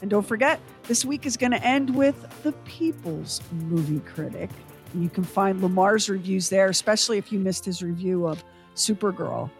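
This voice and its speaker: A woman's voice: mid-range voice, moderate pace, faint music behind. A woman co-hosting a morning radio show, introducing a segment and reading promos in an upbeat manner.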